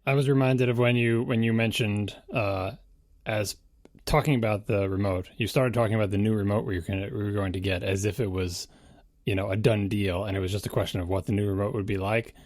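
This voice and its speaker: A man co-hosting a casual podcast, telling snarky, animated stories that jump up high for emphasis. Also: a little fast, dry recording, studio quality. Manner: animated, snarky storytelling with sudden high jumps. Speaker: podcast co-host. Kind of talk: casual tech podcast chat.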